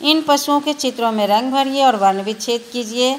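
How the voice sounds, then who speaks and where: A woman's voice: fairly high pitch, brisk, slight background noise. A woman teacher with a Bihari Hindi accent, patiently spelling out letters one by one in a recorded lesson for children.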